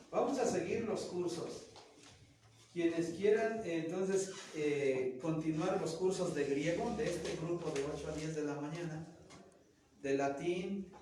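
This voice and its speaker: A man with a Mexican Spanish accent lectures students, his voice high and full of swings as he acts out quoted lines. He is picked up from far across an echoing room, with a faint hiss behind him. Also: mellow. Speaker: teacher. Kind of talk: classroom lecture.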